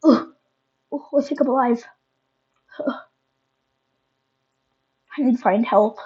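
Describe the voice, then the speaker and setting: A woman's voice: on the high side, takes it slowly, mellow. A woman voicing a dazed, injured survivor looking for help, groaning as she talks, heard on a dull lo-fi recording.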